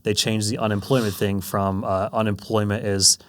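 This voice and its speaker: Man, low voice, casual podcast chat, emphatic, wry. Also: little pitch movement, moderate pace. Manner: earnest, emphatic, wry asides. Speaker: podcast co-host, financial planner.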